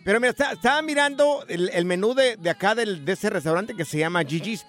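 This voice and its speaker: A man's voice: high-pitched, fast, a bit bright, faint music behind. A man co-hosting a comedic radio show, joking and teasing his co-hosts in casual banter. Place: Los Angeles radio studio.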